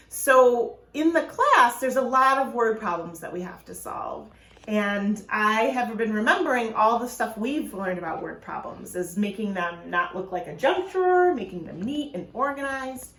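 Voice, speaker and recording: In an informal video message recorded in an echoey room, a woman elementary school teacher talks to her pupils and reads aloud to them. She speaks directly to the children and asks them questions. Her voice is fairly high and a bit bright.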